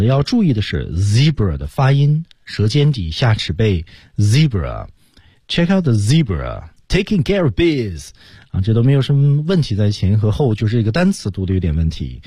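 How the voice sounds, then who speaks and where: A male English pronunciation teacher giving measured, explanatory feedback in a radio lesson, with frequent fillers. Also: fairly low pitch, dark tone, husky, dry recording.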